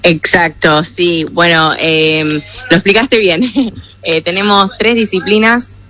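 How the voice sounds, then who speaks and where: A young woman from the United States, answering interview questions over a phone call, speaking softly with some hesitation. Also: lowish voice, takes it slowly. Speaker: athlete guest. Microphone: phone call over WhatsApp.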